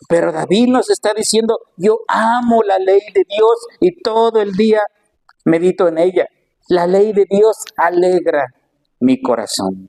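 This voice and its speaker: A male pastor preaching a sermon with emphatic delivery, slowing down to stress scripture and asking the congregation rhetorical questions. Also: high-pitched, darkish tone, poor audio.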